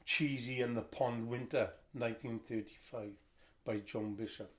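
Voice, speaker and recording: An older man reading a family history aloud, telling the story in a lively storytelling way. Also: medium pitch, moderate pace.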